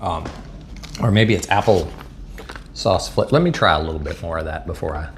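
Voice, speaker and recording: Speaking at a normal pace in a low voice, a Southern US man reviews MRE food on camera, talking casually with frequent ums and uhs. He's rambly, chatty, and pokes fun at himself. Background noise comes through a mic set up at his table.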